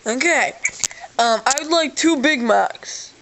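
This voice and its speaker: Woman prank calling, high voice, fake-confused and whiny, lots of hiss in the recording. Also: expressive, takes it slowly, fairly bright tone, rough recording. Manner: feigned confusion turning into mock-tearful whining. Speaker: prank caller. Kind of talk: prank phone call.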